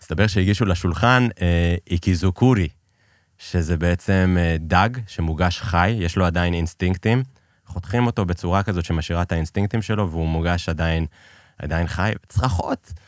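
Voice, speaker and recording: A man's voice: low-pitched, no echo, clean studio sound. A man with an Israeli Hebrew accent, telling stories conversationally as an interview guest, feeling for words and mixing in English business terms. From Iran, immigrated to Israel. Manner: hesitant searching delivery, peppered with English business terms. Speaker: podcast guest, business executive.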